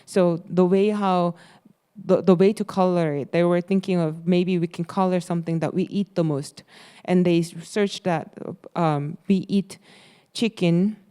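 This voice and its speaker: Hesitant woman presenting, low mellow voice. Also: steady tone, measured pace, smooth. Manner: hesitant, many fillers and restarts. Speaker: course presenter. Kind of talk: casual presentation.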